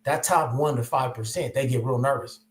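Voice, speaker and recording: A man's voice: mid-range voice, fairly quick. A man with a Californian accent, chatting casually on a music podcast, telling stories in a laid-back way with plenty of slang. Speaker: co-host. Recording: roomy echo.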